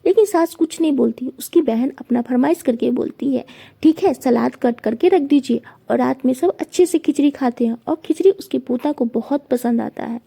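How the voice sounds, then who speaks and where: A woman's voice: high-pitched, normal speed, gravelly, mellow, slightly rough. A woman reading a family story aloud, retelling it plainly and voicing quotes only lightly.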